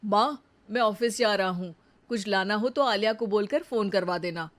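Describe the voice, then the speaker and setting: An earnest young married man from a cartoon moral story, acted by a woman. He is dutiful and coaxing, speaking at a middling pitch. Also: normal speed, close to an everyday voice. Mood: caring. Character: dutiful young husband, devoted to his mother.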